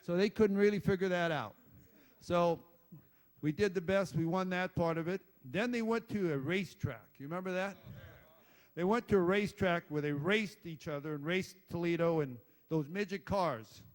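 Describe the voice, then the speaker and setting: Older man, high-ish voice, profane, blunt former coach telling war stories at a dinner. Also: moderate pace. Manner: blunt, salty storyteller, swears and jokes with the crowd. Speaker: former football head coach giving induction speech. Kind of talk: rambling after-dinner speech with stories.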